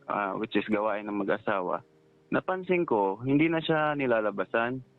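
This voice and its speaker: A man in his thirties, a security guard calling in to an advice show, retelling his story in a rambling, halting way with many fillers. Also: lowish voice, expressive, noisy background. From Philippines. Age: 30s. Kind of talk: phone-in advice call. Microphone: phone. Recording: tinny phone line.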